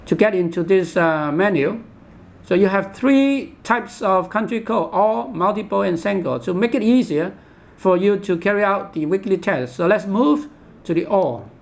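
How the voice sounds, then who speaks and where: A man demonstrates a product in an unscripted tutorial, walking through it step by step. His high voice has a creaky edge, and his delivery is halting and repetitive, with imperfect English grammar.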